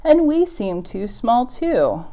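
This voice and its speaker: Her pitch is slightly high and her tone dark, with a slow, sing-song lilt. She leads a preschool storytime, reading to small children and talking straight to them in simple, encouraging phrases stressed in an exaggerated sing-song way.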